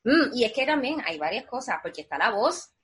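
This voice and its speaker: A woman's voice: a little high, sing-song, brisk, breathy edge. A woman guest in a conversational interview, talking earnestly and reflectively, explaining things step by step.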